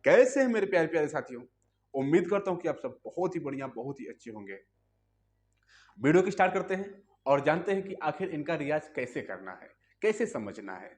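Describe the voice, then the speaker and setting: A man's voice: on the high side, very animated, a little fast, darkish tone. Patient male music teacher. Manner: patient, explains step by step, asks listeners to hum along. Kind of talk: spoken music lesson.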